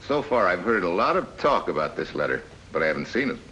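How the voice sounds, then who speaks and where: A blunt, wry American agent. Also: male voice, deep voice, big pitch swings, fast, bright, forceful tone, muffled recording, a little hiss or hum, heavily acted. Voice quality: terse, wry. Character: tough, blunt American special agent man. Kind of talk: 1950s radio drama acting.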